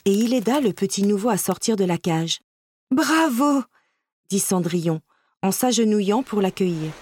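A woman narrating a children's storybook aloud in a calm, clear read-aloud manner. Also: medium pitch, a little fast. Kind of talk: storybook reading. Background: soft music.

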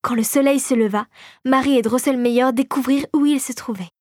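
A woman narrates a storybook in a calm, measured way. Her voice sits a little high for a woman. The sound is dry and close, with no room echo.

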